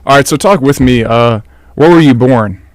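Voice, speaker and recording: A young man hosting a casual interview podcast, asking relaxed questions full of "uh"s. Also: mid-range voice, moderate pace, no room sound, clean studio sound. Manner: relaxed, filler-heavy questions. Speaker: podcast host.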